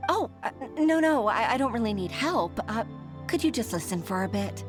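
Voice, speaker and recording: A woman's voice: on the high side, very animated, moderate pace. An actress voicing a humble, middle-aged secretary and mother in a video game, modest and a little hesitant. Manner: modest, hesitant, with soft laughs. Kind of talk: game voice acting. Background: game soundtrack music.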